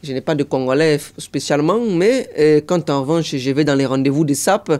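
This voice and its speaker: Slightly high and a little fast, this young impressionist chats as an interview guest. He's a lively storyteller who drops into different voices and accents along the way.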